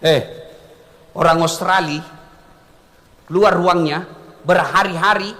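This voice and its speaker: A man giving a humorous sermon, joking and animated, asking his audience questions. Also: sits high, big-room sound. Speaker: Islamic preacher.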